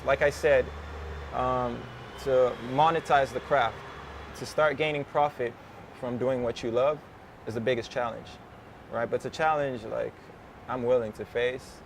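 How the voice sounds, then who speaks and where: Gravelly young rapper man, laid-back. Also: mid-range voice, moderate pace, a little hiss or hum. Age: 20s. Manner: relaxed, slangy, laughs often, drifts off topic. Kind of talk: casual interview chat.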